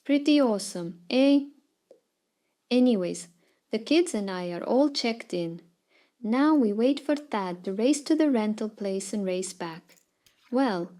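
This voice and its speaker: A woman telling a first-person story as a scripted storytime narration, with a lively, dramatic delivery. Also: on the high side.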